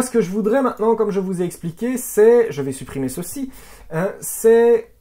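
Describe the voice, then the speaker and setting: A video editing instructor giving a software tutorial, chatty, asking rhetorical questions and often restarting words. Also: medium pitch. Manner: chatty, with frequent "hop", "voilà" and "hein" fillers; asks rhetorical questions and answers them.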